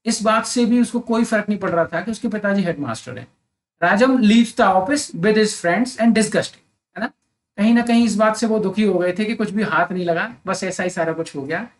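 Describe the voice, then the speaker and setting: A man teaching English literature for exam prep. He reads short English summary lines slowly, then explains them in Hindi, often checking in with the listener. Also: high-pitched. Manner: frequent tag questions to the listener. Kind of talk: explaining a novel chapter summary, lecture-style.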